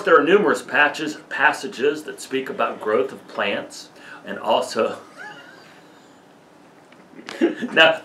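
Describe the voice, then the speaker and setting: A man's voice: medium pitch, bright, forceful tone, reverberant, distant mic, slight background noise. A man, a pastor, giving a short, easygoing sermon message outdoors. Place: outdoors on a porch or dock.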